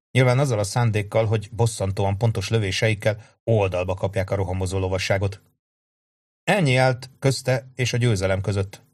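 A man reading a novel aloud as an audiobook narrator, with steady, dramatic storytelling. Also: lowish voice, no room sound, studio quality. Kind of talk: scripted narration.

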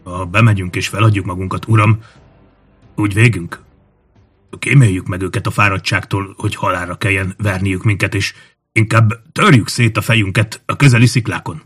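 A gloomy, anxious young Roman legionary from an audiobook, grumbling under his breath, as a male narrator puts him on. The voice is fairly low and sits close to the reader's own. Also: fairly even intonation, fairly bright tone, slightly rough.

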